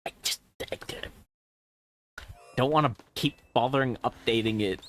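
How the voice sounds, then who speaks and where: A man's voice: medium pitch, measured pace, fairly bright tone. An Australian man chatting as a guest on a stream, joking and laughing often. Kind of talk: casual chat over voice call.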